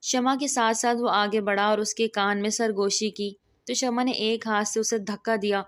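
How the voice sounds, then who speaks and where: A woman storyteller giving a scripted, steady narration of a romance novel. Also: medium pitch.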